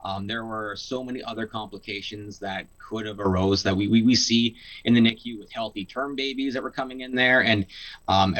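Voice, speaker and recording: A man's voice: mid-range voice, a bit bright, poor audio. Earnest young Canadian man, filler-heavy. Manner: earnest, many fillers and restarts. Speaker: guest. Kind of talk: casual interview talk.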